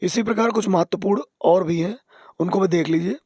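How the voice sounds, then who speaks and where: A man teaching exam spelling, patient, repeating key words and dropping to soft asides. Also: high-pitched, a little fast, husky, dry recording, clean studio sound. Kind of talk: explaining spelling on screen.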